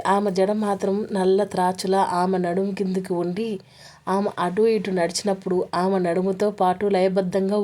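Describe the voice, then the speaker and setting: A woman narrating a romance story in a steady, even reading voice. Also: mid-range voice.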